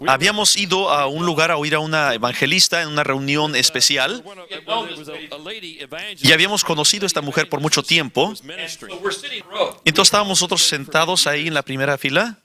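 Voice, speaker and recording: A man interpreting a sermon, telling a healing story in an animated way with light laughs. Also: a little high, moderate pace, long pauses. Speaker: interpreter of a preacher. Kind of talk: sermon testimony.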